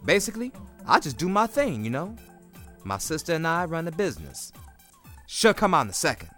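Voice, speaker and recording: A laid-back, slangy drawl for a shadowy interstellar smuggler played by a woman in a comedy radio play. The voice is mid-pitched, with a lively swing. Soft music plays behind. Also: brisk. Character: shadowy slick smuggler, cool slangy hustler.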